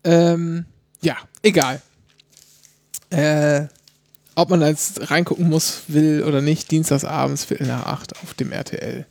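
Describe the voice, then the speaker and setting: A man co-hosting a casual chat, retelling scenes in lively detail and quoting people in lowered mock voices. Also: measured pace, creaky, dry recording. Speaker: podcast co-host.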